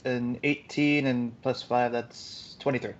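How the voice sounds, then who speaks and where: A man's voice: level tone, measured pace. A man playing a tabletop game, easygoing and matter-of-fact as he reports his rolls. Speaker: player. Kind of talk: casual tabletop play. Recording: dull lo-fi stream audio with faint rumble.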